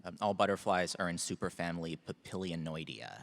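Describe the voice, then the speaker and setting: A man's voice: deep voice, brisk, fairly bright tone. A man competing in a quiz, answering hesitantly with many fillers and reeling off technical terms in a large event hall. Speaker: quiz contestant. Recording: long hall reverb.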